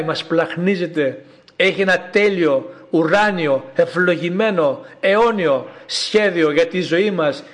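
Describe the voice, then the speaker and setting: A man preaching a sermon in a slow, emphatic way, repeating his calls. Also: high voice.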